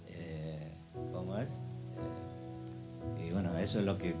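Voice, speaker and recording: Older man, slow reflective talk. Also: deep voice, fairly even intonation. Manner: slow, reflective, many hesitant fillers. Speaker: discussion leader. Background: guitar music.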